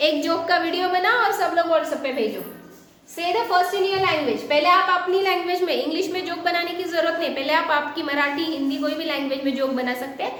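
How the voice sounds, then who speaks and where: High-voiced teacher in an echoey room. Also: female voice, fairly bright tone. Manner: slow, drawn-out English lines, brisk Hindi explanations; has the class repeat words after her, sings short rhymes. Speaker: school teacher. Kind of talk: online English lesson in Hindi and English. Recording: very echoey room, faint hiss.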